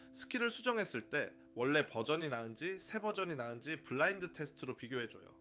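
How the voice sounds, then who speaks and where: A man narrating a scripted tutorial for his own channel in a brisk, upbeat, explanatory way, counting off numbered points. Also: mid-range voice, fairly bright tone. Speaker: YouTuber running a one-person media channel.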